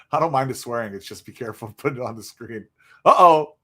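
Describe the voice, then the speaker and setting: A man's voice: medium pitch, animated, moderate pace, pushed and bright, breathy edge. A young man hosting a casual hockey livestream, chatty and rambling with lots of fillers, tired and yawning from little sleep. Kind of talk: casual live stream chat.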